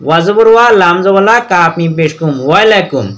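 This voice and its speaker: A man teaching Quran reading step by step, spelling out each letter and vowel mark, then reciting the verses slowly and drawn out. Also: sits high, fairly bright tone.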